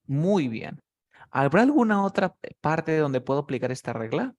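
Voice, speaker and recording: A man's voice: on the high side, big pitch swings, normal speed. Patient male English tutor. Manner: patient, explains step by step with many checks like "¿cierto?". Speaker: English teacher. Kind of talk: one-on-one English lesson.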